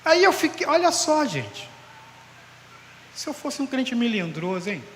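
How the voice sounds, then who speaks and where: A male pastor, telling a story in a sermon as an animated storyteller. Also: very high-pitched, a little slow. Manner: lively, animated storyteller who acts out dialogue. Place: large church hall during an assembly. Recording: echoey hall with faint background noise.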